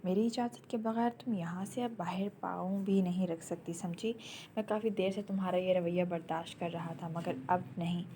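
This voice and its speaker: A woman reading an audio novel, voicing a hot-tempered, jealous young man who shouts his demands. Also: lowish voice, steady tone, a little hiss or hum, close to an everyday voice. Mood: angry.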